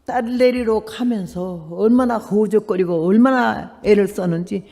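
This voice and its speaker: An eighty-something missionary preacher tells a dramatic personal story within a sermon, acting out the people involved. Her mid-range voice is gravelly and dark at a moderate pace, and the church hall adds a long reverb.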